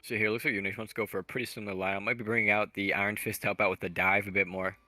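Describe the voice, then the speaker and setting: A man doing fast play-by-play commentary on a college esports match, rattling off calls at an auctioneer's pace. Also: on the low side, little pitch movement, bright, forceful tone, no echo, soft background music. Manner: rapid-fire play-by-play, self-described auctioneer pace.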